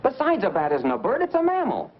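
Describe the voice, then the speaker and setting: An American actor playing a brisk, sly newspaper reporter in a 1940s B-movie style. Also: male voice, very high voice, huge pitch swings, exaggerated voice. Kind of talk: 1940s B-movie film acting. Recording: muffled, noisy vintage film soundtrack.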